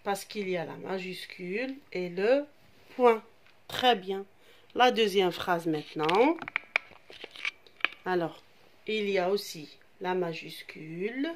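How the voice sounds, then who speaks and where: A woman's voice: mid-range voice, slow, pauses often, slight background noise. A woman teaching a French grammar lesson to young children, speaking. She repeats key terms and explains them again in Arabic. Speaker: primary school French teacher.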